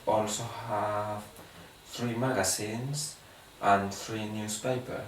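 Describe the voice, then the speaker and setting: This exam candidate from Guatemala, a native Spanish speaker, has a lowish voice with fairly even intonation and works through English questions slowly, stumbling over "uh" fillers and restarting often. The mic sits some distance away, so the sound is roomy and heavily echoing, with a faint hum of background noise.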